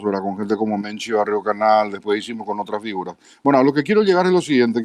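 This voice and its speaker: Paraguayan man in his fifties, mid-pitched radio voice, trained diction, measured interview guest. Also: darkish tone, no echo. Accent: Paraguayan Spanish. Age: 50s. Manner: measured, tags lines with a questioning aside. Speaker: guest, broadcaster and journalist. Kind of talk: interview storytelling.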